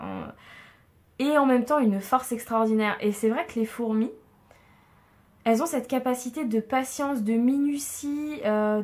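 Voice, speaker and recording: A woman doing a casual tarot card reading for her viewers, chatty and reassuring with many fillers. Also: fairly high pitch. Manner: chatty, warm and reassuring, frequent fillers and soft laughs. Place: home room, with a tripod-mounted camera.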